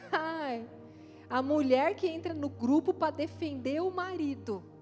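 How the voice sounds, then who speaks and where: A middle-aged woman pastor from Brazil, preaching at a church conference in a lively, playful way and speaking straight to the congregation. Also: high voice, takes it slowly. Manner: lively and playful, acts out quotes, talks straight to the crowd. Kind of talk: conference sermon. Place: church hall, live event. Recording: long hall reverb with faint music.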